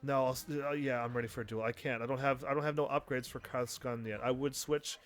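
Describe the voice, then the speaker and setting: A man's voice: mid-range voice, fairly even intonation, quick pace, faint music behind. A man giving casual live gameplay commentary, rambling and thinking aloud as he plays. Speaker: game streamer.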